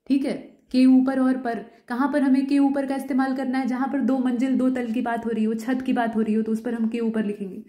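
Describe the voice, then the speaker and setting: Woman, grammar teacher, high pitch, patient questioning delivery, roomy echo. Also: a little mellow. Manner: explains step by step, asks the listener questions. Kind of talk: exam-prep lesson.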